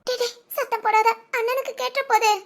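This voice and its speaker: A woman voicing a worried middle-aged village mother in an animated family drama, talking in an anxious, hushed, pleading way. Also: extremely high pitch, a little fast.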